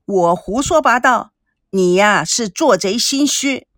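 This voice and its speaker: A cheeky, brash young joker, as a woman puts him on in a storybook, playful and quick to tease. The pitch jumps around a lot, and the sound is dry and close. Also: expressive, dry recording. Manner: joking, cheeky, sometimes sighing.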